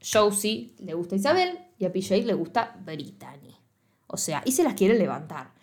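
A woman with an Argentine Spanish accent, chatting casually as a podcast co-host, slangy and animated, acting out quoted lines as she recaps a film. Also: medium pitch, moderate pace.

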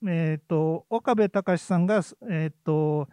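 A man with a fairly high but mellow voice, chatting casually about plays he has seen. He talks in a relaxed, hesitant way, full of fillers and soft laughter. The sound is dry and close. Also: slow, smooth, no room sound. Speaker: podcast co-host, theatre reviewer.

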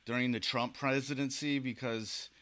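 A man's voice: medium pitch, steady tone, moderate pace, fairly bright tone. A man interviewing a guest in a casual chat, leaning heavily on "you know" and "like" as he frames his questions. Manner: leans on "you know" and "like" fillers. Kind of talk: casual conversation.

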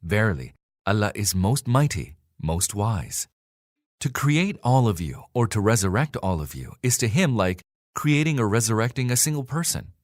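A man reading a scripture translation aloud in a measured, solemn way. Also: fairly low pitch, big pitch swings, dry recording, clean studio sound. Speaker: scripture reader.

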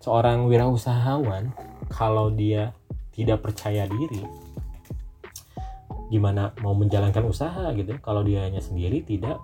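A man teaching a class in a relaxed, conversational way, often repeating his points. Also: fairly low pitch, normal speed, pauses often, over music. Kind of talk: online class lesson.

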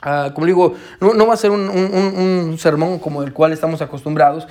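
A young man preaching a sermon to his congregation, halting with fillers and repeated words and often saying amen. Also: on the high side, a little mellow. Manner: addresses the congregation as brother and sisters.

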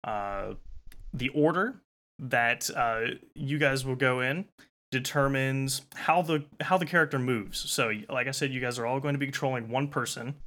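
A man's voice: mid-range voice, normal speed, sharp tone. A young man hosting a casual online game show as game master, explaining the rules with loose fillers.

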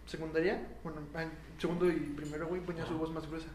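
A man's voice: a little high, level tone, fast talker, a little mellow, slight background noise. A young man with a Mexican accent teasing his friends with crude jokes in a casual chat. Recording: roomy echo with crowd behind.

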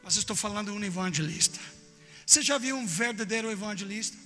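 A man preaching a sermon with fervor, dropping to low murmurs and then rising to loud shouts. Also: quick pace. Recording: echoey hall with music underneath.

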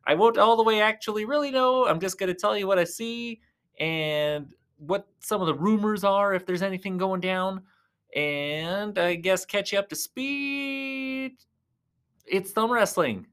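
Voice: mid-range voice, a bit bright. A performer voicing a goofy clown who commentates on thumb wrestling, with a rambling, giggly, joking delivery. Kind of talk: comic sports commentary.

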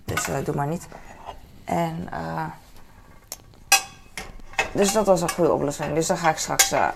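A woman with a low, gravelly voice chats casually while doing chores in her kitchen. She rambles with many fillers and talks half to herself. Dishes and cutlery clatter clearly behind her. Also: a little slow, very noisy. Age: adult with a son. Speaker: vlogger. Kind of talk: casual chat to camera. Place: home kitchen.

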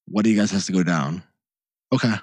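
A young man co-hosting a podcast, telling a rambling, animated story full of restarts and "like". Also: sits low, fast talker, no room sound. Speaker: podcast co-host. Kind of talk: casual chat, storytelling.

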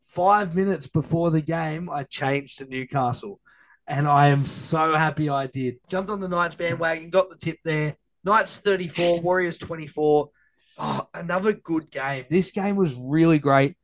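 A man's voice: fairly high pitch, a little slow. An Australian man hosting a sports podcast, casually chatting through match results in a blokey, matey way.

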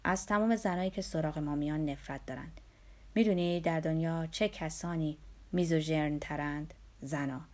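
A woman's voice: deep voice, darkish tone, natural voice. A woman reading a cynical lecturing male doctor. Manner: dry, lecturing, sweeping claims. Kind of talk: audiobook reading.

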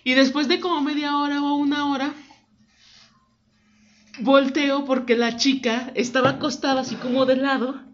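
A woman's voice: normal speed, pauses often. A young woman with a Mexican accent telling a scary anecdote in casual chat, acting out the voices in her story. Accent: Mexican Spanish. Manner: animated storyteller, acts out quotes with big pitch jumps. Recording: dull lo-fi audio.

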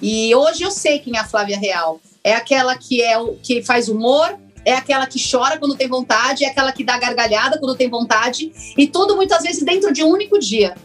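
A woman, a former lawyer now working as a therapist, telling her personal story in an interview in a reflective, earnest way with many pauses. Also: high voice, lively intonation, soft background music. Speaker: interview guest, former lawyer turned systemic constellation therapist.

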